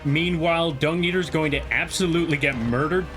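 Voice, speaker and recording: A man's voice: on the high side, brisk, over music. A man streaming a game live, chatting playfully, reading chat aloud and joking with the game as he plays. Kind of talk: live gameplay commentary.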